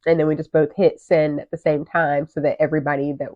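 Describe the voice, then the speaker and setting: A woman in her thirties, co-hosting a podcast and telling a personal story in a candid, animated way. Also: deep voice, fast talker. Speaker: podcast co-host. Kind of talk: casual chat. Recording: muffled lo-fi audio.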